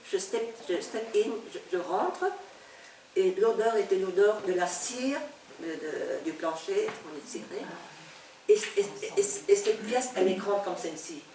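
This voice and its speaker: A woman's voice: mid-range voice, darkish tone, a little hiss or hum. Older Vietnamese-accented woman, echoey and distant. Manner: halting, repeats words, laughs often. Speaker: novelist. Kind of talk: reminiscing in an interview. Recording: echoey room, speaker off-mic.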